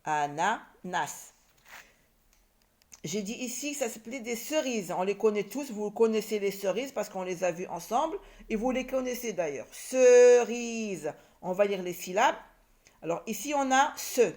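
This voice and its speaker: In a lively, slightly mellow voice of medium pitch, a woman primary school teacher teaches young children to read, a little fast. She sounds out each word syllable by syllable and repeats it.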